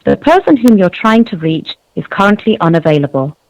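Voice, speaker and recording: A man's voice: high-pitched, sing-song, a little fast, no echo. Automated man's voicemail message over a phone. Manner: formal, scripted prompt. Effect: automated voicemail message heard over a phone call. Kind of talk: recorded phone announcement.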